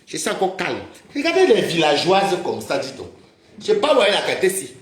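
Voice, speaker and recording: A man's voice: sits high, huge pitch swings, fairly quick. Roomy-sounding agitated man ranting. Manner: mocking, scolding, repeatedly addresses viewers as maman. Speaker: livestream host. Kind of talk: heated livestream rant to viewers.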